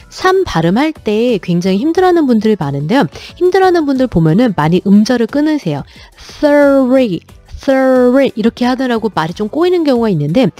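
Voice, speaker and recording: A woman gives a video lesson on English pronunciation, her pitch rising and falling with animation. She slows down to repeat example words one by one. Soft music plays faintly behind her. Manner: lively, demonstrates English words slowly and repeatedly.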